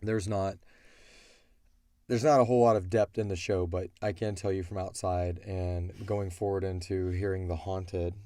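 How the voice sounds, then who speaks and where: Answering listener questions about his audio drama, the show's creator and co-host explains things casually and at length. His voice is low and steady with a dark tone and normal pacing, captured in studio quality without echo.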